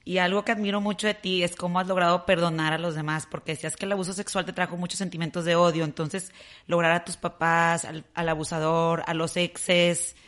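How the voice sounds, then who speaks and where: A woman's voice: fairly low pitch, level tone, a little fast, a bit bright. A woman interviewing a guest, encouraging and laughing along. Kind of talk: conversational interview.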